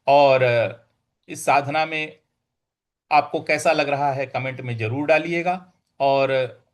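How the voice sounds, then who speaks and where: High-voiced man teaching slow verse recitation. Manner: repeats each word slowly, then explains pronunciation quickly; chants verse lines in a sing-song. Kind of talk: slow, syllable-by-syllable recitation lesson.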